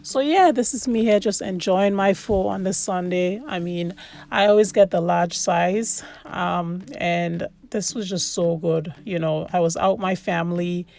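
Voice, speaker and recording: A woman's voice: fairly low pitch, measured pace, gravelly, a little mellow. A woman from Sierra Leone giving casual, chatty food vlog commentary, often repeating words for emphasis. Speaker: food vlogger. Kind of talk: casual voice-over commentary on a meal.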